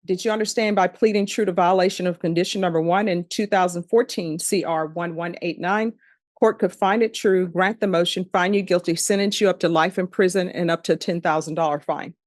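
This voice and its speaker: A woman judge in a courtroom recording, formally reading case numbers and charges in a measured, procedural way. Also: on the low side, steady tone, no echo, studio quality. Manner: measured, procedural, repeats formulaic questions.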